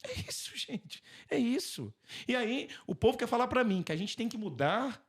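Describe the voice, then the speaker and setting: Brazilian priest telling animated stories. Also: male voice, very high-pitched, normal speed, breathy edge. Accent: Brazilian Portuguese. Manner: animated, acts out dialogue in quoted voices. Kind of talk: conversational storytelling in an interview.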